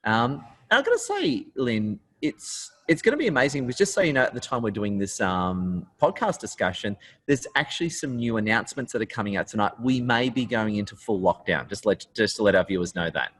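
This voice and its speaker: A man's voice: fairly low pitch, big pitch swings, fairly quick, few pauses, a bit bright, long reverb tail, low-quality recording. A man hosting an interview podcast, chatty and enthusiastic, joking with his guest. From Australia. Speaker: podcast host.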